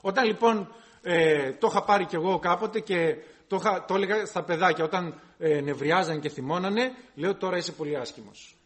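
High-voiced man preaching earnestly. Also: a bit bright. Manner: earnest, repetitive, exhorting. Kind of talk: sermon.

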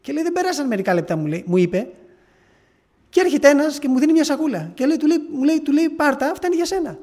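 A man preaching, retelling a story in an earnest, halting way with frequent restarts. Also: very high voice, animated, dark tone. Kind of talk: sermon testimony.

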